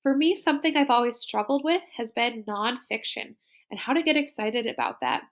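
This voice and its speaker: A woman's voice: a little high, very animated, a little fast. A woman school librarian narrating a slide presentation in an upbeat, explanatory way.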